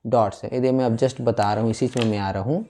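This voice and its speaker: Man teaching with a mellow voice. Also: mid-range voice, fairly even intonation, brisk. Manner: repetitive, asks questions then answers them. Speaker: Hindi grammar teacher. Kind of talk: classroom lecture.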